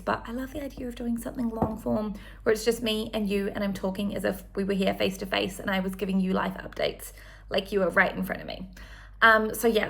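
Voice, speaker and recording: A woman's voice: medium pitch, creaky, a bit bright. A woman in her thirties, from New Zealand, chatting enthusiastically in a casual one-take vlog with frequent ums. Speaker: vlogger.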